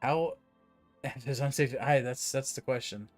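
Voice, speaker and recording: A man's voice: mid-range voice, measured pace, soft background music. A man streaming a horror game, giving casual commentary with wry asides. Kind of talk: gameplay commentary.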